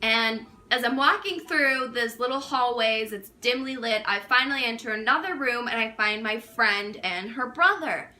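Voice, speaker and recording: A young woman vlogger telling a casual storytime, chatty and animated, with lots of swearing and fillers. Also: fairly high pitch, normal speed, hardly any pauses. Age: young adult.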